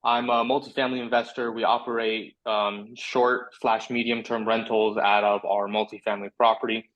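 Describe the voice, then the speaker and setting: A man giving a casual introduction of himself as an investor on a video call, pausing with "um". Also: lowish voice, little pitch movement, a bit bright, muffled recording. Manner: casual, with "um" pauses. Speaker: attendee, multifamily investor.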